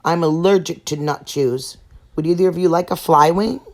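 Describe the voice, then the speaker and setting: A woman's voice: low voice, moderate pace. Female spider, thoughtful, matter-of-fact, helpful, storybook style, performed by a woman reader.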